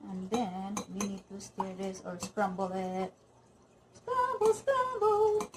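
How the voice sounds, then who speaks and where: With heavy noise in the background, a Filipino vlogger with a Filipino accent demonstrates a dish in her home kitchen, talking through each step chattily and often saying "okay." Her voice is medium-pitched and expressive, and she takes her time.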